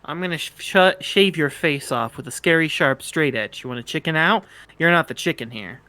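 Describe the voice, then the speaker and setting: Casting: snarky teenage half-bird sprite boy played by a man, slightly high, bright and dry-recorded, awkward slangy rambler. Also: brisk, dry recording. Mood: wry teasing. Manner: casual slangy rambling, stammering. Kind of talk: amateur fan fiction read-aloud, character dialogue.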